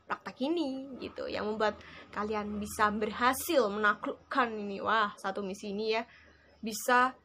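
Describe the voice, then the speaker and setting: A woman's voice: mid-range voice, moderate pace. A young woman casually talking viewers through tips in a vlog, chatty and often calling them guys. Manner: chatty, addresses viewers as guys, lively emphasis. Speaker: vlogger teaching English tips. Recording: faint background noise.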